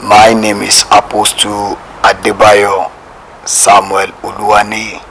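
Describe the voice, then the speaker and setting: Slow-spoken Nigerian man giving testimony. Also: lowish voice, completely flat delivery, music in the background, low-quality recording. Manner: hesitant, with fillers and repetitions. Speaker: interview guest and church apostle. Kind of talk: personal testimony.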